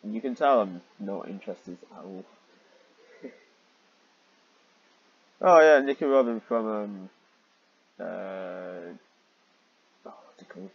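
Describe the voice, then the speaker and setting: Slow and pausing often, a man with a low, slightly rough voice reads a fan fiction story mockingly, frequently drifting into exasperated, rambling remarks. The high frequencies are cut off.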